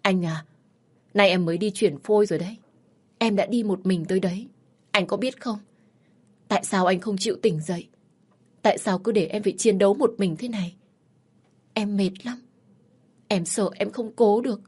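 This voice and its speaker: Grieving young wife, as a woman narrator voices her; husky, pleading, tearful. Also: mid-range voice, normal speed, long pauses, darkish tone, natural voice.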